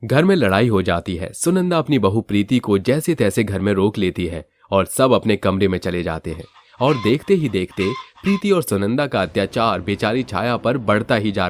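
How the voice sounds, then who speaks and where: A man narrating a cartoon family story in an even storytelling tone. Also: lowish voice, a little hiss or hum.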